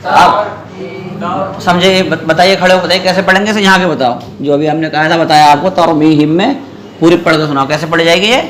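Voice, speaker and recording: A man with a high, bright voice leads a class in Quran recitation. He fires questions at the students and repeats their answers. When he demonstrates a word, he draws the syllables out slowly. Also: fairly even intonation, slight background noise. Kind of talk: classroom lesson with call-and-response.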